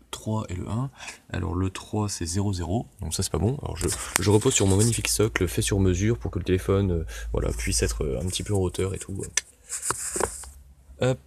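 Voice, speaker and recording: Brief: low-voiced male tutorial host, chatty and self-mocking, swears a lot, keyboard clatter audible behind him. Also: creaky, noisy background. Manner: rambling, self-mocking, frequent swearing and fillers. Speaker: game developer tutorial host. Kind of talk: casual thinking-aloud screen tutorial. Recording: keyboard typing and clicks behind.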